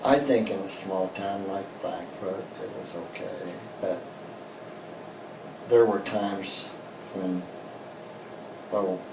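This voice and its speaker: An older American man, a veteran, remembering his past in an interview in a halting, plain-spoken way. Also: sits low, gravelly. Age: older, 60s or above. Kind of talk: personal reminiscence in an interview. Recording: roomy, distant mic, noisy background.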